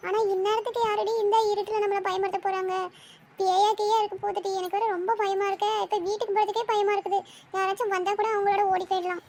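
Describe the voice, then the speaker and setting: A woman voicing a frightened young village woman in a cartoon, pleading and rushed. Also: extremely high pitch, flat delivery, darkish tone. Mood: scared. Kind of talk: cartoon voice acting.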